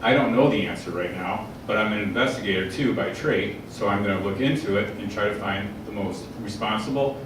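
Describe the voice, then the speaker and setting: Fielding questions at a public forum, a fortysomething male candidate talks in a straightforward, sincere way. His fairly low voice moves a little fast with few pauses, captured from afar in a vast echoing hall full of noise.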